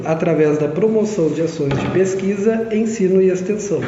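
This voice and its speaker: A man's voice: sits high, dark tone. A young man co-hosting a podcast, reading a prepared introduction steadily. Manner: reads a prepared text steadily. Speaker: co-host. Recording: echoey long-reverb lo-fi room.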